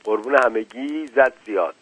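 A man's voice: mid-range voice, a bit bright, slightly rough. A man voicing a polite male gambler who speaks in a courteous, soothing way. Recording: dull lo-fi dry recording.

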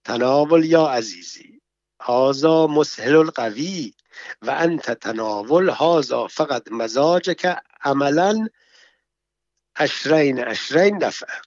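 A man voicing an insistent woman healer who speaks slow, coaxing broken Arabic in a read-aloud story. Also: on the high side, animated, a little mellow, no room sound, muffled recording.

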